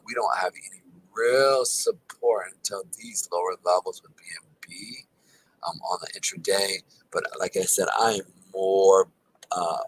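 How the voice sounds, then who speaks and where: Over poor audio, a crypto chart analyst speaks in a low, somewhat bright voice with a breathy edge. Worn out and with a sore throat, he runs through live market commentary casually, full of fillers and addressing viewers as "guys."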